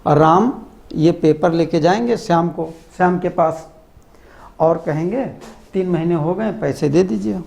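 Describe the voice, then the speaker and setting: A man's voice: a little high, vocal fry, warm tone. A man teaching a commerce lesson, who repeats key terms and quizzes the listener. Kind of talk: classroom lecture.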